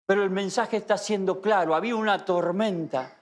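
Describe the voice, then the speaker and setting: A man's voice: sits high, brisk. A man with an Argentine accent preaching an impassioned sermon in a church as pastor, full of rhetorical questions. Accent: Argentine Spanish.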